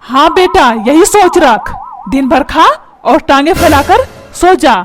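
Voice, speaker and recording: A short-tempered cartoon father yells and threatens in a raised, high voice. He scolds in blunt bursts, over a loud music bed. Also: animated, slow. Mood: stern. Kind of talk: cartoon dubbing.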